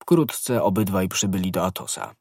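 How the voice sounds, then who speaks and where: A man narrating a classic novel as an audiobook, in measured, even storytelling. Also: sits low, gravelly, husky, no echo, clean studio sound. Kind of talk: scripted narration.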